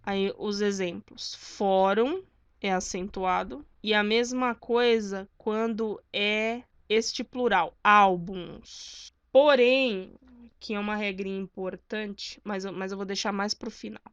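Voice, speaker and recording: A woman teaches grammar in a patient, didactic way, often checking that her students follow. Her voice sits at a middle pitch and sounds close and dry, with no room echo. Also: takes it slowly, clear, resonant tone, muffled recording. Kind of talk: explaining spelling rules at a board.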